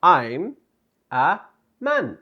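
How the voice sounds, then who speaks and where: A man leads a beginner lesson at an extremely slow pace. He spells out words and repeats each phrase, his pitch rising and falling in a lively way. The recording sounds a little dull and lo-fi. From England. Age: 30s. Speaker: English teacher.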